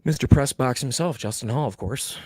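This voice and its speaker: A man co-hosting a sports podcast, venting in a frustrated, swearing rant full of rapid rhetorical questions. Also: medium pitch, a little mellow, breathy edge, no echo. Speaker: podcast co-host.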